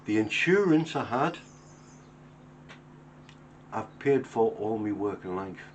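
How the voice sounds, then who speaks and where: A man's voice: on the low side, lively intonation, takes it slowly, slight background noise. A man in his fifties speaking earnestly to camera from his workshop, plain-spoken and reflective. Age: 50s. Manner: earnest, plain-spoken, acts out everyday dialogue. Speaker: woodworker. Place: home workshop.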